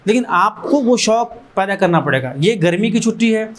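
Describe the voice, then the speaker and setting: A man's voice: high-pitched, animated, a little fast. A man who founded an education trust gives an earnest motivational talk to students in a learning centre room, urging them on in strings of short repeated phrases.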